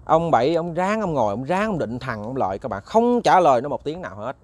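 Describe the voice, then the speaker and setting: A man's voice: a little high, sing-song, a little fast. A man with a Southern Vietnamese accent, hosting and casually telling a ghost story straight to his listeners, often repeating words as he searches for the next one. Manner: chatty, repeats words while searching, addresses listeners directly. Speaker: ghost story narrator, channel host.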